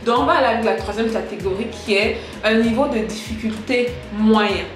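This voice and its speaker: An English teacher on a video channel gives a casual spoken lesson to camera, lively and direct, calling her viewers "les gars" and switching into English example sentences. Her voice is a little high at a normal speed, recorded in an echoey room with faint music.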